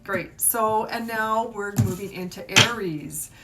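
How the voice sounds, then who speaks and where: A woman gives a casual, encouraging live tarot reading, chatting informally with viewers in a meandering way. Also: unhurried. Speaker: tarot reader and reiki healer hosting a live stream. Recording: live stream with clear rumbling noise.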